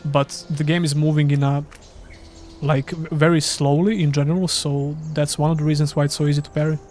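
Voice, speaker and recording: Playing live, this Serbian-accented streamer from Serbia offers casual, self-deprecating commentary. He talks fairly quickly in a slightly high, darkish voice with flat delivery, over soft background music.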